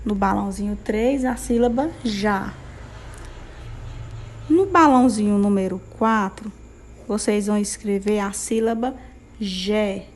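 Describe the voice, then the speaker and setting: A young adult woman with a Brazilian accent, a primary school teacher dictating syllables slowly and patiently to small children, in a sing-song way that checks in often. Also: mid-range voice, a little hiss or hum. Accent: Brazilian Portuguese.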